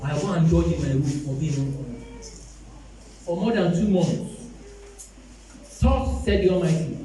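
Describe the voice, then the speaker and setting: A man preaching a sermon to his congregation, pleading and repeating himself with slow emphasis. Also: high-pitched, darkish tone, a little hiss or hum. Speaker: apostle preaching. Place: church. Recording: echoey church hall, distant mic, faint music.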